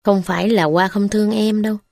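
A woman with a Southern Vietnamese accent voicing a timid middle-aged male village official who speaks in a slow, apologetic way. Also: medium pitch, fairly even intonation, vocal fry, a little mellow, no room sound, lightly acted.

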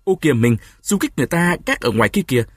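A man voicing a frightened, tearful peasant wife who speaks in a trembling hush, in a storybook reading. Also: mid-range voice, very animated, fairly quick, husky, no echo, clean studio sound. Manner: trembling, hushed pleading.

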